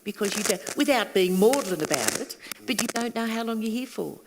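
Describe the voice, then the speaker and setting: An older Australian woman, a workshop leader appearing as a panel guest, talks candidly at an event in a hall. Her medium-pitched voice is brisk and expressive, and she's earnest and reflective, sometimes dropping nearly to a whisper. The sound has a big-room quality with a noisy background.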